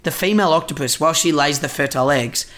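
A man's voice: a little high, quick pace, fairly bright tone. A man co-hosting a casual podcast chat, joking loosely and swearing freely. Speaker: podcast co-host.

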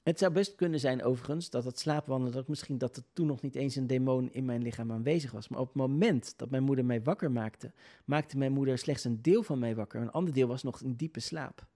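Hesitant man with a dark voice. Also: medium pitch, a little fast, few pauses. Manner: hesitant, with many filler sounds and restarts. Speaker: video creator telling a personal story. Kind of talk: personal spoken storytelling.

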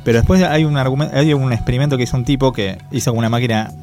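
A Rioplatense-accented man from Argentina co-hosts a casual conversation, musing aloud in a hesitant, thoughtful manner packed with fillers. He talks fast in a mid-range, slightly mellow voice over soft background music.

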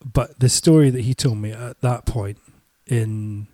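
A man co-hosts a casual podcast chat in a medium-pitched voice. The sound is dry, with no room around it. He speaks hesitantly, often rephrasing as he goes. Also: steady tone, unhurried, warm tone, no room sound. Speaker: podcast co-host.

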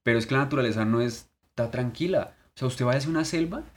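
A man, co-hosting a podcast in casual chat, telling stories in a crude, animated way full of swearing. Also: mid-range voice, fast talker. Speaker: podcast co-host.

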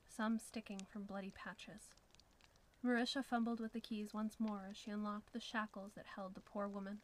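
Casual: lady reading a scary story, whispery and hushed, mid-pitched voice, faint hiss in the background. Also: low-quality recording. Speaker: narrator. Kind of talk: scripted horror story narration.

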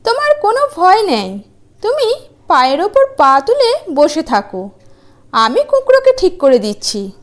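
A woman's voice: very high voice, huge pitch swings, unhurried, pitched above the performer's own voice, heavily acted. A woman voicing a confident, teasing giant's wife in a children's story, coaxing and scolding. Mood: reassuring.

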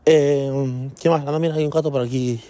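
A man's voice: medium pitch, steady tone, normal speed, warm tone, no room sound, studio quality. A man hosting a podcast in a casual solo monologue. He rambles and keeps checking in with his listeners, recorded while walking outdoors. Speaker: podcast host.

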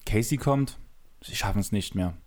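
A man's voice: fairly low pitch, measured pace, darkish tone. A man co-hosting a casual podcast who jokes and teases while pushing the conversation along with questions. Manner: teasing, joking, drives the conversation with questions. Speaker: podcast co-host. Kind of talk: casual basketball chat. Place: room with closed soundproof windows.

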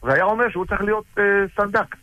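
A middle-aged man casually recounting personal stories about his rabbi, halting with frequent restarts. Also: high-pitched, pushed and bright, dull audio, slight background noise. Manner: halting, with many restarts and fillers. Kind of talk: casual storytelling.

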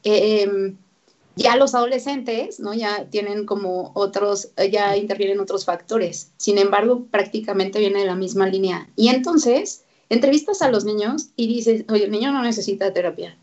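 A woman's voice: medium pitch, moderate pace, a little mellow, highs cut off. A woman, a therapist guest on a parenting radio interview, talking animatedly and acting out parents and children.

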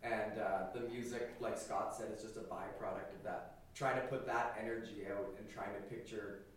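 Thoughtful band member, distant echoey mic. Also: male voice, on the low side, steady tone, moderate pace, a little hiss or hum. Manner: thoughtful, explains with a laugh. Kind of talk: casual interview chat. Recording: echoey room from far off.

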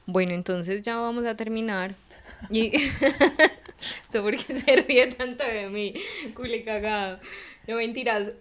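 A woman with a Paisa Colombian accent hosting a casual interview, asking quick, slangy, playful questions. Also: fairly high pitch, steady tone. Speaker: interviewer host.

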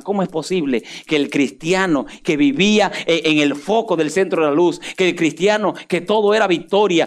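A man preaching a sermon, swinging from loud emphatic peaks down to low asides. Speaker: pastor.

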